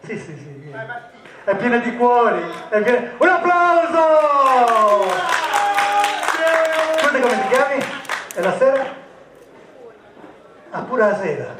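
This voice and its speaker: A man's voice: high-pitched, sing-song, normal speed, pauses often, crowd noise. A man performing as a stage magician, giving jokey, teasing patter to volunteers in a live comic magic show. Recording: echoey, distant stage recording.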